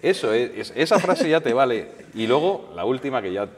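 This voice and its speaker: A male journalist telling lively anecdotes at a public talk, acting out the dialogue with restarts, on a stage microphone in a lecture hall. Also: mid-range voice, normal speed, a little hiss or hum. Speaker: journalist, guest.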